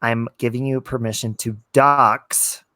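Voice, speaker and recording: A man's voice: medium pitch, steady tone, measured pace, sharp tone, no room sound, studio quality. A man chatting as a guest on a live stream, playful and giggly. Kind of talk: casual live-stream chat.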